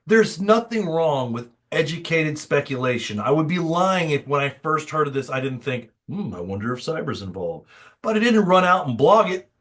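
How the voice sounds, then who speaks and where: A man's voice: on the high side, lively intonation, normal speed, hardly any pauses, fairly bright tone. A man co-hosting a security podcast in casual chat, with dry, sarcastic humor. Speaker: podcast co-host.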